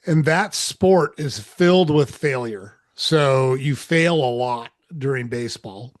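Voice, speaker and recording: Guy guest talking earnest like a coach, pretty dry close sound, middle pitch. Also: slow pace, no echo. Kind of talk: reflective interview talk.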